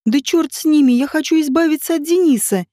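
A woman's voice: sits high, fairly quick, warm tone, no room sound, clean studio sound, pitched above the performer's own voice, lightly acted. A woman reading a tearful, vengeful rich woman. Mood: distraught. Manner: tearful and tense. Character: rich, grieving woman bent on revenge. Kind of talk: audiobook character reading.

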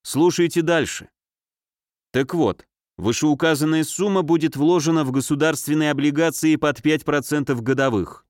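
A man voicing a sly notary who reads out a will in a measured, official manner. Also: on the high side, dry recording, studio quality, close to an everyday voice. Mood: formal.

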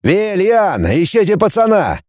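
A bossy male killer leading his crew, as a narrator puts him on, barking short orders in a raised, dark voice. The sound is close and dry. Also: high voice, very animated, normal speed, no echo, voice pushed up. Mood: commanding. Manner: barking commands. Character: bossy male gang leader, curt.

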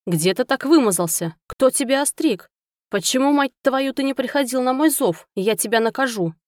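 A woman's voice: high-pitched, lively intonation, normal speed, no room sound, studio quality, voice pushed up. A woman voicing a stern, domineering male prosecutor who growls his lines. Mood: angry. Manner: growling and menacing.

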